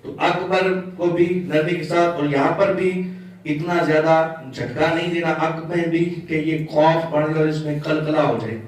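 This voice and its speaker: A man teaching prayer recitation, chanting phrases slowly and carefully correcting pronunciation. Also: on the high side, fairly even intonation. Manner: drawn-out chanted demonstrations of phrases; repeats and corrects pronunciation patiently. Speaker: religious teacher. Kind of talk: recitation lesson. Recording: echoey, distant from the mic.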